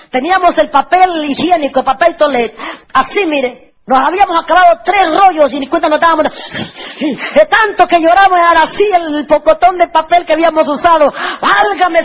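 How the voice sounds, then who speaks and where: A woman preacher giving an emotional testimony sermon, telling her story with passionate outbursts. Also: high voice. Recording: dull lo-fi recording.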